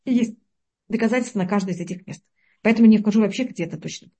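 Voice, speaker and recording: Speaking at mid-range with a dark tone, this Uzbek woman teaches a religious lesson. She moves slowly through her explanation, searches for the right words, and asks her audience questions.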